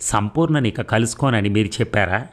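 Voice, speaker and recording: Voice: medium pitch, normal speed, lightly acted. A man reading as a bitter young wife. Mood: bitter accusing. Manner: sarcastic, accusing. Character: hurt, sharp-tongued young wife.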